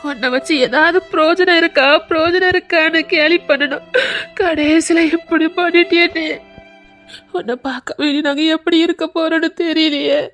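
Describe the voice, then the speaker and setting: A middle-aged woman sobs and wails in exaggerated grief, played by a woman in a comic skit. She has a Tirunelveli Tamil accent and a very high voice. Her crying lament is melodramatic and theatrical. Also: fairly even intonation, moderate pace, a bit bright, soft background music. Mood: wailing. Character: middle-aged woman wailing over her departing friend.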